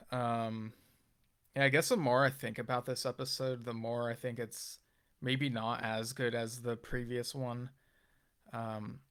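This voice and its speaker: Hesitant man with a flat, smooth voice. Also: medium pitch. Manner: hesitant, thinking aloud with many fillers and restarts. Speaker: TV episode reviewer and channel host. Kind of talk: casual spoken review.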